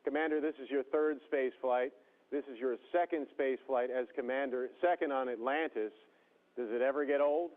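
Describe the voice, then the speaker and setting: A man's voice coming through a thin, phone-like radio link, like a sci-fi communicator. He is a news interviewer who asks formal, measured questions in a steady middle pitch. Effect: radio link to space station.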